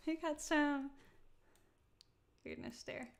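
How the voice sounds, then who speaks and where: A woman hosting a live-streamed software tutorial, talking casually with many fillers and laughing at her own slips. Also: on the high side. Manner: casual, chatty, many ums, laughs at herself. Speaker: software demo host. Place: indoor room.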